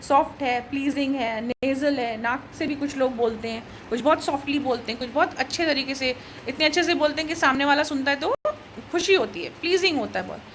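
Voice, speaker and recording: A woman with an Indian accent giving a recorded lecture. She explains points slowly and switches between Hindi and English, often checking with "right?". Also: high-pitched, a bit bright, slight background noise, poor audio.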